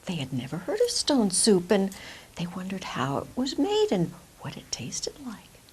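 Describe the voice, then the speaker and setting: A woman telling a folk tale expressively, with dramatic, deliberate phrasing. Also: medium pitch, wildly swooping pitch, darkish tone. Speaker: storyteller. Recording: clear background hiss.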